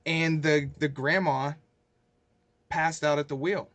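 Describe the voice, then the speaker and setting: A man co-hosting a podcast who tells a story in casual chat, rambling with plenty of fillers. His voice sits fairly high and sounds dry and close to the mic. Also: steady tone, slow, a bit bright, no echo. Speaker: podcast co-host.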